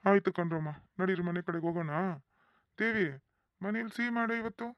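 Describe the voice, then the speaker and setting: A man playing a soft-hearted village dad. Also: sits high, fairly quick, no room sound, dull audio, close to an everyday voice. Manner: affectionate, plain village speech. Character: loving village father, soft-hearted, proud of his daughter.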